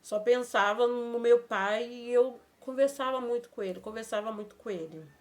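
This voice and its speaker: Brazilian woman vlogger, higher-pitched voice, emotional and halting, repeats herself. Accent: Brazilian Portuguese. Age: adult with a child. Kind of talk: personal storytelling vlog.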